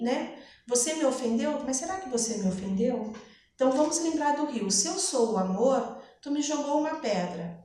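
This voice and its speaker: A woman's voice: a little high, darkish tone. A woman gives a conversational spiritist lecture, often asking her listeners "né?". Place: spiritist center hall. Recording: echoey hall with faint noise.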